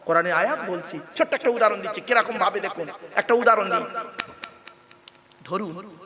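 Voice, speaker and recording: A man preaching a sermon to a large gathering, animated, dropping to a hush and then rising loud, reciting Arabic verses. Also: sits high, moderate pace. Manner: animated, swings between loud and hushed, quotes Arabic verses. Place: large outdoor religious gathering. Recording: long reverb with crowd behind.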